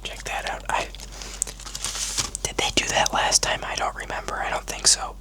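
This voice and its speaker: A food vlogger speaking in an unhurried, casual, chatty whisper close to the microphone for an ASMR mukbang video.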